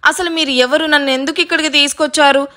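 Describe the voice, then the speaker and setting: A woman's voice: sits high, fairly even intonation, fast talker, bright, forceful tone, pitched above the performer's own voice. A woman voicing a frightened young woman who tearfully begs her kidnappers. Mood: pleading. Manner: tearful, begging.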